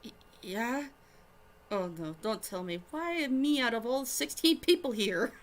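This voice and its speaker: A woman's voice: a little high, lively intonation, unhurried, pitched above the performer's own voice. A woman voicing a flustered young male bird-folk rogue who stammers, in a storybook reading.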